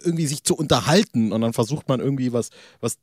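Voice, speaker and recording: A man's voice: mid-range voice, quick pace, husky, no echo, clean studio sound. A man hosting a casual podcast chat, talking in a rambling, hesitant way with lots of fillers and restarts. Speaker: podcast host.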